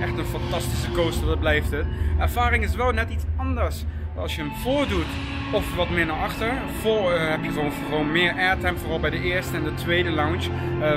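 A man the doing casual theme park vlog commentary, explaining things in a hesitant, halting way. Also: sits high. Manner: hesitant, explanatory, filler-heavy. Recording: loud music behind the voice.

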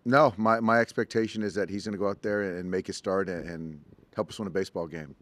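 Middle-aged guy at a press table, deep voice, dry close sound, lots of ums and restarts. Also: steady tone, a bit bright, no room sound. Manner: measured, halting, many ums and restarts. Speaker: baseball manager. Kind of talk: postgame press conference answers. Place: press conference room, indoors. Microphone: table mic in front.

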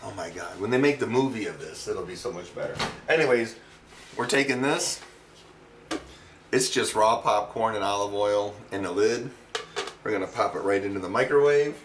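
This middle-aged home cooking show host has a lowish voice and speaks at normal speed while demonstrating a dish. He chats casually with rambling, wry jokes at his own expense, and the recording is noisy, echoey, and distant.

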